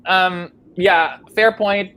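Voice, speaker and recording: A woman's voice: fairly low pitch, steady tone, very slow, a bit bright, low-quality recording. A woman hosting a casual online book chat in an informal, slightly hesitant way, often repeating herself. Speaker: book club host. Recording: faint background noise.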